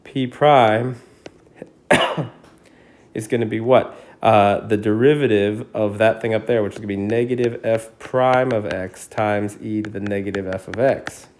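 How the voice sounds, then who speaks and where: A man with a somewhat low voice walks through calculus problems in a screencast lesson. He talks casually, thinks out loud and checks in with his students, with a cough that keeps coming back. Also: fairly even intonation, measured pace. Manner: casual, thinks aloud with frequent "right?". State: coughing repeatedly. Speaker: math teacher. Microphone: screencast recording mic.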